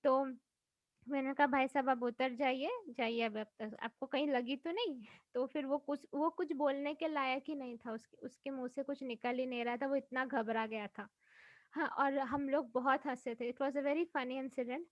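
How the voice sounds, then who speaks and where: A woman spiritual teacher giving a teaching session, telling personal anecdotes in an expressive, chatty way. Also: sits high, dry recording, muffled recording.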